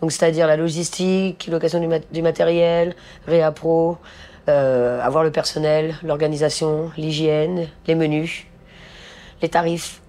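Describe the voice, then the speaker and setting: A woman's voice: sits low, level tone, measured pace, mellow. A woman managing festival volunteer catering, answering interview questions enthusiastically with some stammering. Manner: enthusiastic, stammers over words.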